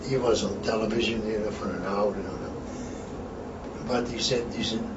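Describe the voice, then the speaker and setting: Recorded in dull, roomy lo-fi from a distance, with hiss behind him, an older retired wrestler from Antwerp, Belgium, chats casually about the past. Flemish is his first language; his fairly low voice holds fairly even intonation at a moderate pace, and he's blunt, rambling and quick to swear.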